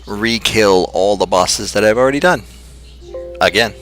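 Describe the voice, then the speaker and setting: A man's voice: fairly low pitch, measured pace, music in the background. A man chatting casually with friends while streaming a game, sarcastic and joking. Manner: playful, sarcastic. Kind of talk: casual gaming chat.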